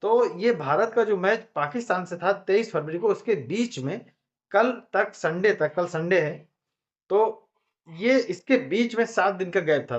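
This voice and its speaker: A man's voice: sits high, muffled recording. A man hosting his own channel, greeting viewers and narrating cricket news in an earnest, direct way. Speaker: channel host.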